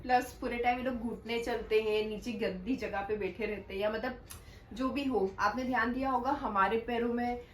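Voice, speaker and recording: The talk is a chatty home vlog in which a young woman speaks directly to the people watching. She sounds on the high side, steady in tone and moderate in pace, recorded a bit far from the mic in an echoey room with faint hum.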